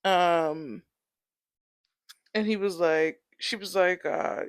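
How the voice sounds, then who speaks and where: A woman's voice: fairly low pitch, slow pace, clear, resonant tone. A young woman co-hosting a casual book chat, laughing often and acting out characters' lines. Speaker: book podcast co-host.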